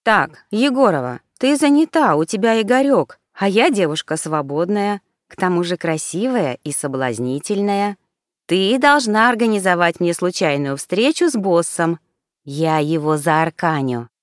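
A woman's voice: on the low side, animated, measured pace, no echo, clean studio sound. A woman reading a brash, bawdy young woman. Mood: eager, bawdy. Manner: outspoken, bawdy, eager. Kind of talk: audiobook character voice.

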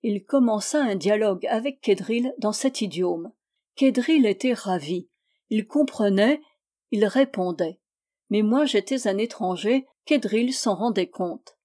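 Woman, audiobook narrator, expressive, measured, literary reading. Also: mid-range voice. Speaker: audiobook reader.

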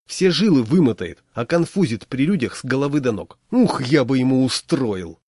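A man's voice: medium pitch, expressive, normal speed, darkish tone, husky, dry recording, studio quality. A man voicing a grumpy, vengeful male coworker who grumbles angrily. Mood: grumbling. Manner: grumbling, bloodthirsty.

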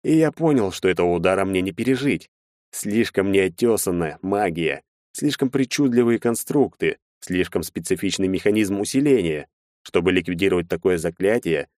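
Low-voiced male audiobook narrator. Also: normal speed, darkish tone, dry recording, clean studio sound. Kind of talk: scripted first-person narration.

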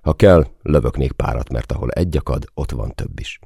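Very deep, gravelly male narrator. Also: lively intonation, dark tone, no room sound. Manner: dry, wry, terse. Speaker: audiobook narrator. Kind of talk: first-person audiobook narration.

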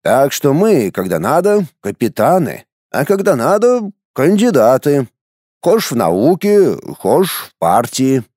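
A man doing a gruff fatherly general, teasing, dark voice, dry sound. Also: mid-range voice, big pitch swings, slow, no room sound. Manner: hearty and teasing.

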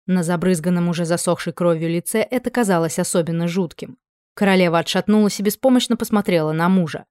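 A woman narrating a fantasy novel in even, measured, scripted storytelling. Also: fairly low pitch, smooth, dry recording, clean studio sound. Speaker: audiobook narrator.

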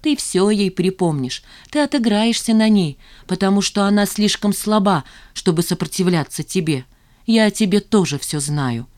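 Woman doing a reckless taunting young woman, loud and raised; audiobook. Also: mid-range voice, expressive, normal speed, lightly acted. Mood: scornful. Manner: scornful, taunting, shouting.

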